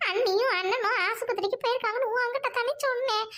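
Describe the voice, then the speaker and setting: A woman's voice: very high voice, fast talker, a bit bright, pitched above the performer's own voice. A woman voicing a fretful, pleading old grandmother in an audio drama.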